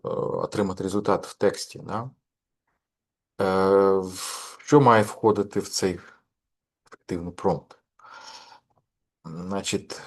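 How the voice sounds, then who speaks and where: Чоловік із низьким голосом, лекція з ШІ. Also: male voice, low-pitched, creaky. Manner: hesitant, many fillers and restarts. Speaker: lecturer. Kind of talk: course lecture.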